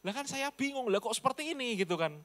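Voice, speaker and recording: A male pastor preaching a sermon, telling a personal story with animated delivery, acting out the voices of others and often addressing the congregation. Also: very high-pitched, fast talker.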